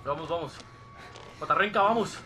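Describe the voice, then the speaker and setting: A man's voice: on the high side, normal speed, soft background music. A man commentating a horror game, jumpy and joking, swearing often. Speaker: gameplay commentator. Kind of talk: let's play commentary.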